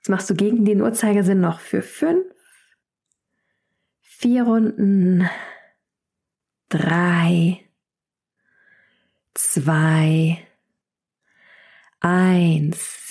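A woman leading a guided chair yoga class, calmly cueing breaths and counting down each hold in a soft, often near-whispered voice. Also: lowish voice, extremely slow, gravelly, pauses often, breathy edge. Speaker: yoga instructor.

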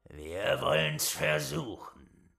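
Man doing a huge old bearded brute for a storybook, deep, slow, gruff menace. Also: very animated, bright, forceful tone, full character voice. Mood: grudging.

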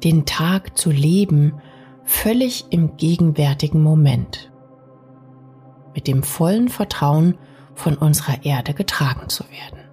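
A woman narrates a bedtime sleep story in a soft, soothing, partly whispery way, speaking intimately to the listener. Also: low voice, lively intonation, measured pace. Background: music.

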